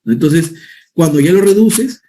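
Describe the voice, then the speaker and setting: A man's voice: a little high, normal speed, dark tone. A man giving a medical lecture, explaining step by step and often checking in with his listeners. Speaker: physician lecturer.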